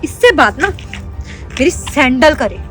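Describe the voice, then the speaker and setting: A woman's voice: high-pitched, sing-song, slow pace, loud music behind the voice, heavily acted. A woman acting a stern, protective elder sister-in-law who scolds and lectures. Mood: angry lecturing. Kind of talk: web sketch acting.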